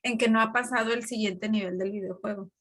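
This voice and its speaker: A woman's voice: mid-range voice, steady tone, a little fast, a bit bright. A woman hosting a radio interview, talking conversationally and summing up the guest's points. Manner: conversational, sums up and adds examples. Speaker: radio show host.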